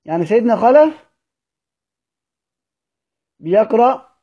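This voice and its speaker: A man's voice: sits high, very animated, unhurried, slightly rough, lo-fi sound. A man with an Egyptian accent teaching a class on Quran recitation, repeating key phrases and asking his students questions. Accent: Egyptian Arabic. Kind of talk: lecture explaining recitation verse.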